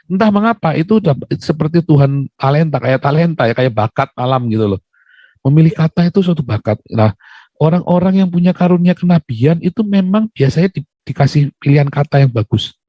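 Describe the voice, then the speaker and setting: A man's voice: mid-range voice, dry recording. This man hosts a live call-in broadcast, speaking with force and plenty of swing in his voice. He often cuts across his caller. The sound is dry and close to the mic, with no room around it. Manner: forceful, animated, talks over the caller. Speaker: host of a live call-in show. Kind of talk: casual live talk.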